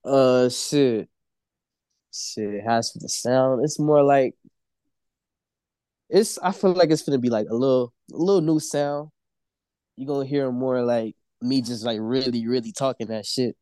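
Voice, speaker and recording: A man with a relaxed, mid-pitched voice chats as a guest artist in a dry-sounding recording. His casual storytelling is thick with slang, swearing and "bro". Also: a little slow, pauses often, smooth, dry recording. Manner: heavy slang and constant swearing; says "bro" constantly. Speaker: podcast guest, music artist.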